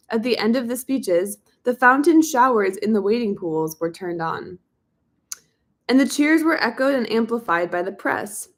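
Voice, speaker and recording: A woman with a fairly high voice reads a history book aloud in a plain, unhurried way. Now and then she trips over a word and says it again, and she sometimes breaks off for loose, chatty side remarks. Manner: reads steadily, now and then slipping and repeating words. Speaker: reader of a book. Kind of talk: reading a nonfiction book aloud with casual asides.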